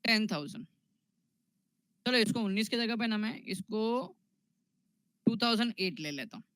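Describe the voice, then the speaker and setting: A man's voice: sits high, expressive, a little slow, a bit bright, clear, resonant tone, no room sound, rough recording. A man teaching a commerce class. He repeats key terms and asks and answers his students' questions himself. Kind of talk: classroom lecture.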